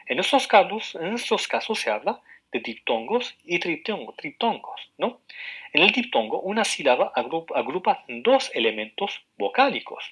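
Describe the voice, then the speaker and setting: A man giving a university lecture over the radio, explaining slowly with frequent hesitations, repeated words and questioning tags. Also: fairly high pitch, sing-song, fairly bright tone, breathy edge.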